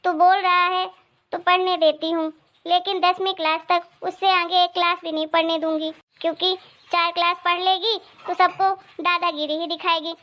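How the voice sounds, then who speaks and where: A woman voicing a nagging grandmother in an animated cartoon who scolds her granddaughter and favors her grandson. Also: very high-pitched, moderate pace. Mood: scornful. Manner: scornful, nagging, sharp-tongued.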